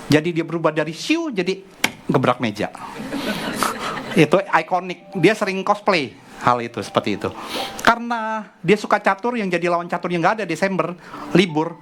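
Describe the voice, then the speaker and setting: A middle-aged male pastor preaching at a church service, telling a family story in a chatty, animated way. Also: high-pitched, moderate pace, noisy background. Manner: chatty, animated anecdote telling with acted quotes. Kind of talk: sermon with personal storytelling. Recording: music playing underneath. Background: background music.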